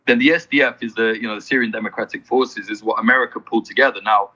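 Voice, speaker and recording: A man's voice: fairly low pitch, fairly even intonation, pushed and bright, lo-fi sound. A man talking as a podcast guest, blunt and swearing freely in casual interview chat. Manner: blunt, swears freely, fast run-on explaining.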